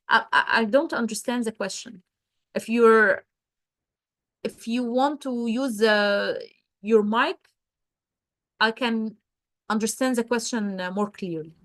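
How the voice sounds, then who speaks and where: A woman's voice: a little high, slow, a bit bright, no echo, studio quality. A woman presenting a geology webinar, answering questions live in a hesitant way with many fillers.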